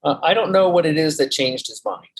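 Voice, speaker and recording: A man's voice: fairly high pitch, animated, brisk, slight background noise, rough recording. A man, a physician guest in an interview, speaking steadily and listing figures methodically. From Colorado.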